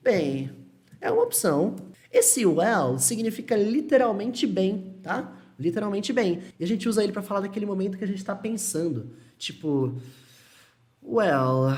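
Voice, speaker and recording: Guy teaching english, goes up and down a lot, slows way down to model words. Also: high voice, sing-song, darkish tone. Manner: explains step by step, checks in with "tudo bem?"; models English words slowly and repeats them. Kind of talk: Portuguese-language English lesson.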